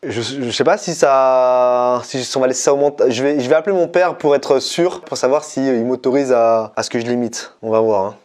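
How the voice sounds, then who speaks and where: A man's voice: medium pitch, steady tone, fairly quick, hardly any pauses, darkish tone. A man doing a parody YouTuber vlog, answering comments in a smug way and quoting self-help sayings.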